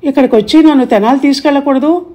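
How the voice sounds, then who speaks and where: A woman's voice: high-pitched, fast talker, mellow, pitched above the performer's own voice, lightly acted. A woman voicing a confused, forgetful old man in his late seventies who talks in a vague, rambling way.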